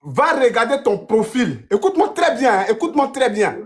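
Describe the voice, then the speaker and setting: Man, TikTok debater, lecturing and insistent, very animated intonation. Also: very high-pitched, normal speed. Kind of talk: heated live-stream argument.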